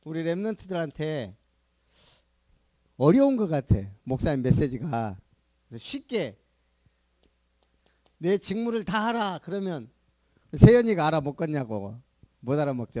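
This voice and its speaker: A man's voice: a little high, mellow, dry recording, studio quality. A male pastor preaching a sermon, asking the congregation questions and playfully imitating a regional dialect. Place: church.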